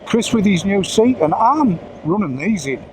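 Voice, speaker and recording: A man's voice: high voice, very animated, moderate pace, darkish tone, slight background noise, low-quality recording. A man chatting casually while riding a motorcycle, rambling with self-mocking asides. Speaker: motorcycle vlogger. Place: outdoors riding a motorcycle on roads.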